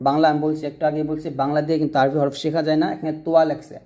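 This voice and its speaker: Mellow-voiced man teaching recitation. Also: fairly high pitch, flat delivery, racing. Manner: patient, repetitive drilling with call-and-repeat prompts. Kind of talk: instructional lesson on Arabic letter pronunciation.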